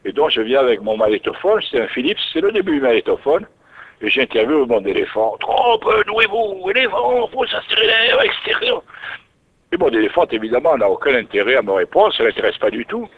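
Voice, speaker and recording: A man's voice: medium pitch, big pitch swings, fast, breathy edge, no echo. A man telling his story as an interview guest, musing and often restarting his phrases. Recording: tinny narrowband radio recording.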